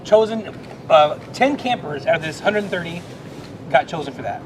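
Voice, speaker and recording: A man's voice: expressive, moderate pace. A middle-aged man talking earnestly and with feeling in a casual chat, with many restarts. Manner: earnest, emotional, rambling with restarts. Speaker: Salvation Army officer. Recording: noisy background rumble.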